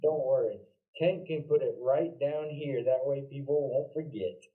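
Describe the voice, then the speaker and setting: Excitable male podcast host, tinny sound. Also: mid-range voice, moderate pace. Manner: excitable, laughs often, says y'all. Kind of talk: casual podcast chat.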